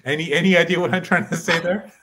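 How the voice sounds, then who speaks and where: A man's voice: fairly high pitch, steady tone, fast talker, a bit bright. A man learning a language in a casual lesson, hesitantly trying out sentences and asking questions.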